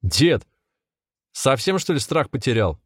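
A man voicing a hot-tempered young city tough who shouts crude threats, in a storybook reading. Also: medium pitch, lively intonation, fairly quick, no echo, clean studio sound, close to an everyday voice. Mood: furious.

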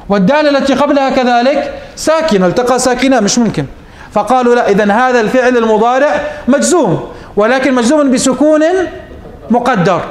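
High-voiced sheikh teaching grammar. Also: male voice, reverberant. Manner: questioning, answers own questions, addresses students as beloved. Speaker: sheikh teaching Arabic morphology. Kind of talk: classroom lesson.

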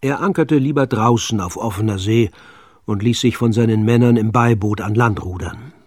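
Husky man reading a children's tale. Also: on the low side, normal speed, a little mellow, no echo, clean studio sound. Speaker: narrator. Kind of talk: scripted storybook narration.

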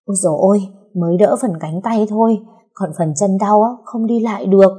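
A woman voicing a sharp-tongued, scheming young wife who taunts in sing-song rhymes and wails theatrically. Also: medium pitch, brisk, slightly rough, pitched above the performer's own voice, lightly acted. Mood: whining.

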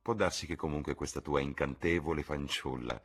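A man voicing a witty, cynical aristocratic gentleman in an audiobook reading, with a husky voice and a drawling, ironic delivery. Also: a bass voice, brisk, heavily acted. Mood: languid.

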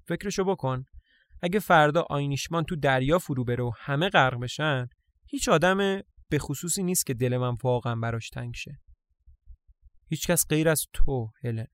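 A man voicing an earnest, gentle young man with a limp in a storybook reading. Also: medium pitch, no room sound, studio quality, lightly acted. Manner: earnest, plain-spoken.

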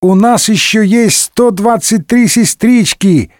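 A loud, rowdy gang of little boys shouts in shrill, high voices, as a male narrator puts them on. The sound is dry and close. It is comic storybook character work. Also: takes it slowly, no room sound. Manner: shrill yelling.

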